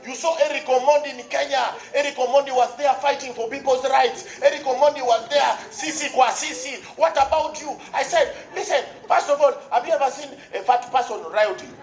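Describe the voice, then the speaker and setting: A man's voice: very high voice, steady tone, a little fast, gravelly, hardly any pauses. A man with a Ugandan accent telling a stand-up comedy story on stage, animatedly acting out dialogue with exclamations. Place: live comedy show on stage before an audience. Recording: echoey live stage recording, crowd noise.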